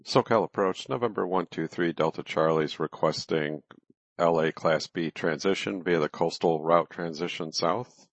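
A man's voice: sits low, normal speed, no room sound. A man flying a small plane, making clipped radio calls and readbacks to air traffic control over his cockpit headset. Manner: clipped, standard aviation phraseology with readbacks. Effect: cockpit headset radio transmission. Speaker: private pilot. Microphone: headset microphone. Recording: dull, lo-fi, dry radio audio.

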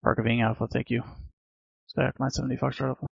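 A man speaks as a pilot over the radio, his mid-pitched voice gravelly and muffled by the narrow radio band. The sound is dry and close, and his procedural calls come with a slightly halting delivery. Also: flat delivery, no echo.

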